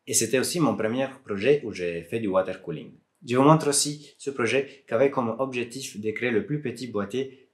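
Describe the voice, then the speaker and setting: Speaking French with an Italian accent, a man from Italy addresses his camera casually as a tech YouTuber. French isn't his native tongue; his lowish voice comes across friendly and joking, with hesitations along the way.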